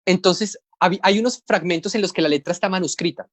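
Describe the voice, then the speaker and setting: Relaxed Colombian man explaining comics editing. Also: high-pitched, a little fast, dry recording. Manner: relaxed, rambling, explains step by step. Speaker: comics editor. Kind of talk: casual panel talk.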